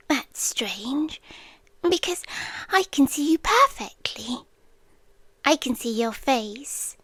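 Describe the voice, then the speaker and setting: In a whispered, breathy ASMR roleplay with long pauses, a British woman plays an obsessive, teasing yandere girlfriend. Her voice is high, and the recording has no echo.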